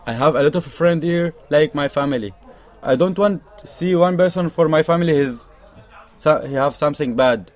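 A young Syrian man speaks in broken, non-native English with an Arabic accent, his voice sitting a touch higher than most men's. He talks earnestly and with emphasis, circling back to repeat his points. He sounds like a refugee telling his own story to an interviewer. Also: normal speed. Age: young adult. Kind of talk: impassioned testimony in broken English.

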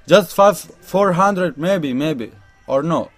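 A man's voice: on the high side, slow pace, no echo, soft background music. A young man from Syria with a Syrian Arabic accent, speaking earnest, emphatic broken English as a refugee giving his testimony in an interview. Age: young adult. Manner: earnest, emphatic, repeats points, non-native grammar.

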